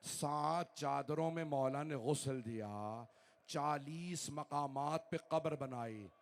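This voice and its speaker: A man from Pakistan reciting a mournful sermon at a large gathering, his delivery swinging from hushed to wailing, shouted grief. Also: on the high side, slow. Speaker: Shia cleric reciting a majlis.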